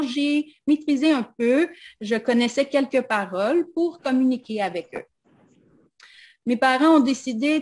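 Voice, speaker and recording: Speaking slowly and haltingly with fairly high pitch, this Montreal woman is an invited guest in casual personal conversation. Her first language is English, and she is hesitant, leans on "euh" fillers and moves into English.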